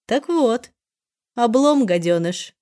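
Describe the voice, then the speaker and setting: A woman's voice: on the high side, lively intonation, slow, dark tone, no echo, studio quality, pitched above the performer's own voice. A woman voicing a cold, mocking, middle-aged mother who sneers at her daughter in an audiobook. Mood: sneering. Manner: sneering, sarcastic.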